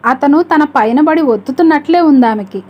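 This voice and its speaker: A woman narrating an audiobook story in a steady, measured reading voice. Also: sits high, highs cut off.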